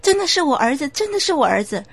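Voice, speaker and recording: Brief: a tearful, desperate mother pleading over her lost son, voice lifted higher; a woman acts her out. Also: big pitch swings, fast.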